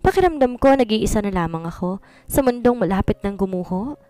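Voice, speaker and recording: A woman's voice: medium pitch, lively intonation, brisk, mellow, no echo, close to an everyday voice. A woman voicing a hurt young wife who refuses sharply and then reproaches through tears, in a storybook reading.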